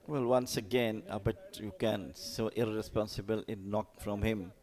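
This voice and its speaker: Man on live cricket commentary, lowish voice, explaining stuff in loose phrases. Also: fairly even intonation, unhurried, a little mellow.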